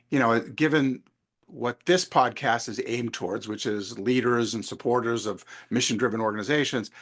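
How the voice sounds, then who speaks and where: A man hosting a conversational interview, thinking aloud in a measured, discursive way. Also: medium pitch, fairly bright tone. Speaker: podcast interviewer.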